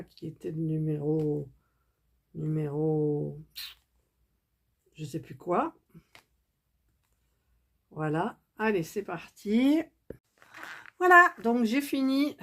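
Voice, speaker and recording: A woman's voice: lowish voice, dark tone, breathy edge. A woman chatting casually as she works on a craft project, thinking aloud with lots of fillers and restarts. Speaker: craft vlogger.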